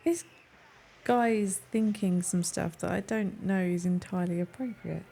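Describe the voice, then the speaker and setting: A woman's voice: on the low side, normal speed, gravelly, mellow. A woman chatting casually with friends as she streams a game.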